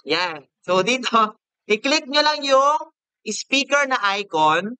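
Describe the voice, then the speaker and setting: Bright-voiced Filipino man teaching software. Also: very high-pitched, sing-song, slow, clear, resonant tone, no room sound. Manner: casual, checks in with "no?" and "okay?". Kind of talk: screen-recorded software tutorial.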